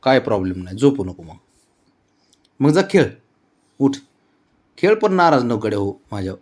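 A man's voice: mid-range voice, very animated, normal speed. A man coaxing his pet cat in doting baby talk at home late at night. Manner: coaxing, doting sing-song. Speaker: pet owner.

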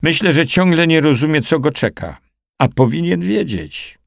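A man's voice: fairly high pitch, animated, moderate pace, creaky, no room sound, clean studio sound, voice pushed up. A man voicing a raised, sneering brutal interrogator. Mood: menacing. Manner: sneering, threatening. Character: brutal male officer interrogator, cold and bullying. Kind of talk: audiobook reading.

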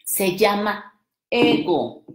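A woman's voice: medium pitch, animated, very slow, roomy sound. A woman coach giving a motivational talk to an audience, playful and fond of acting out the people she quotes. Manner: playful, acts out quoted friends. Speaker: NLP coach.

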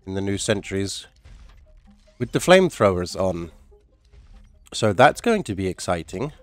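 Deep-voiced and a little slow, this gaming YouTuber swings widely in pitch while casually commentating a survival game, his voice nasal and stuffy from a cold. He's chatty and rambling, swears mildly, and soft music plays under a recording with no room sound.

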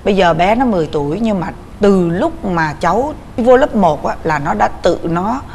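A Southern Vietnamese woman hosts a TV couples show from the studio. She speaks in a mid-range voice and talks in an animated, coaxing, motherly way as she gives advice. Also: mid-range voice, normal speed, a little hiss or hum. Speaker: talk show host. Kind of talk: warm advice and coaxing talk.

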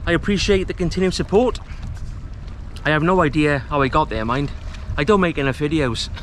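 A man in his thirties from Wales, chatting easily to the camera outdoors on a rocky estuary shore while he fishes, relaxed and self-deprecating. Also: a little high, fairly quick, a little hiss or hum. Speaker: fishing vlogger. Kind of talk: casual talk to camera. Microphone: camera mic, close framing.

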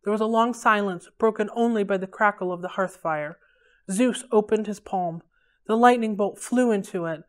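Smooth-voiced woman reading a novel aloud. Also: mid-range voice, moderate pace. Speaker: library read-aloud host.

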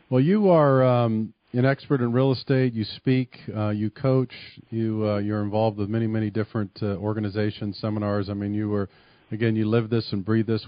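A man's voice: fairly low pitch, dry recording, dull audio. A man hosting a radio talk show, asking casual questions with plenty of fillers.

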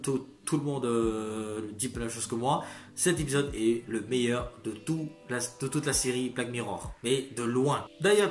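Excitable male reviewer who rambles and curses, recorded in a roomy space with soft music under him. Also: mid-range voice. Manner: rambling, excitable, swears freely. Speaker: video critic. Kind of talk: casual spoken review. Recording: roomy echo, faint music behind.

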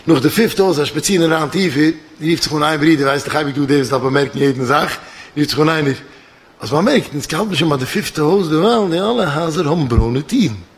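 A man giving a religious lecture as a yeshiva lecturer, telling a story and acting out its dialogue with lively restarts. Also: a little high, fairly quick. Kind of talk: religious lecture told as a parable.

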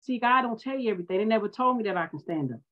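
Animated woman minister, dull lo-fi sound. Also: a little high, racing. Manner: animated, conversational storytelling with acted-out quotes. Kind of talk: sermon storytelling.

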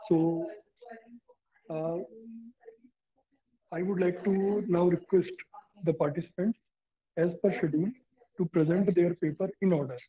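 A middle-aged man with an Indian English accent, chairing a conference session and speaking haltingly, with many fillers. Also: sits high, fairly even intonation. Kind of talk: formal conference remarks. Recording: tinny phone-like line.

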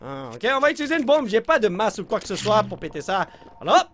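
A man with a Québécois French accent giving excitable gameplay commentary, reacting loudly and talking straight to his viewers with English exclamations mixed in. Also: sits high, fast, slight background noise. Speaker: let's play host.

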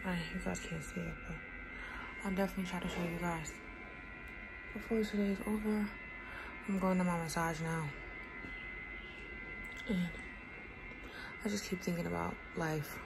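Weak, weary young woman after surgery, creaky voice. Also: lowish voice, fairly even intonation, normal speed, long pauses, music in the background. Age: young adult. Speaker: vlogger. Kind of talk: casual personal vlog. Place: small indoor rooms with bare walls. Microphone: phone held at arm's length. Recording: noisy handheld phone audio.

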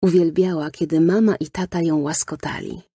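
A woman narrating a children's storybook in a lively storytelling manner, recorded close in a studio. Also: deep voice, moderate pace, breathy edge, no echo. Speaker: audiobook narrator.

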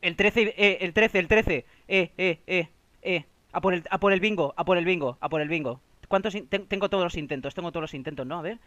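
A young man from Spain with a Spanish accent, streaming live and commenting on his game, excitable and quick to swear as he talks to viewers. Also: high voice, no room sound, lo-fi sound.

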